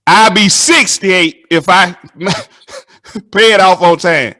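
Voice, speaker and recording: A man, hosting a casual interview and telling animated stories that act out the dialogue. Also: sits high, slow. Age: 30s. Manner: animated storytelling, acts out dialogue.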